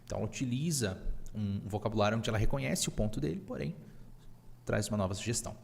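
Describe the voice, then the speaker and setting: A Brazilian Portuguese-accented English teacher and podcast host runs a live online English lesson, sounding upbeat and teacherly as he mixes English phrases into his explanations. His lowish voice moves at a quick pace, creaky and a little mellow, echoing in a large hall.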